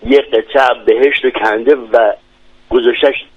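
A man's voice: mid-range voice, steady tone, breathy edge, no echo. Eager man. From Lorestan, Iran. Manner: enthusiastic, descriptive, many hesitations. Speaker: guest from a village. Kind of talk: radio interview. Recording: dry, dull lo-fi radio sound.

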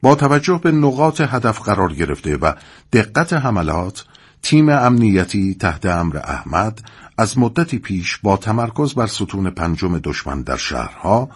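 A man narrating a recap of a drama episode in a measured storytelling manner. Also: sits low, husky. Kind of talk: scripted narration.

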